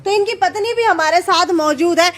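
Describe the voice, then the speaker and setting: A woman's voice: very high-pitched, moderate pace, a bit bright. A woman news reporter narrating an assault story and questioning victims in an urgent, probing manner. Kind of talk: field interview reporting.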